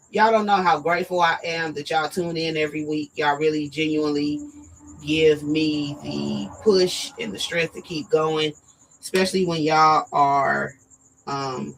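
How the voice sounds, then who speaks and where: A woman hosting a live talk show, talking directly and emphatically to her viewers, her voice going hoarse. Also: lowish voice, poor audio. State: losing her voice. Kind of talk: casual live-stream talk.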